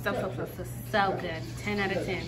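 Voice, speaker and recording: A young woman chatting casually in a home vlog, relaxed and rambling with fillers, filmed on a phone held at arm's length. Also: medium pitch, a little fast, music in the background. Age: young adult. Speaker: vlogger. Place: home, kitchen and bedroom indoors.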